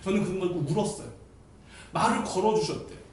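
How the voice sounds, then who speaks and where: A male pastor delivers a sermon in a church sanctuary, acting out voices and breaking into shouts. His voice sits high and leaps up and down. The sound is drenched in the echo of a large hall and picked up from a distance. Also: fast talker. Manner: animated storytelling, acts out voices and shouts.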